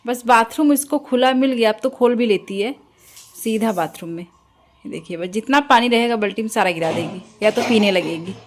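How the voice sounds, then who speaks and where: A woman's voice: a little high, moderate pace, a little hiss or hum. A young woman chatting through her morning routine for a home vlog, explaining what she is doing as she goes. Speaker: vlogger. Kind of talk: casual home vlog narration. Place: at home, kitchen and house.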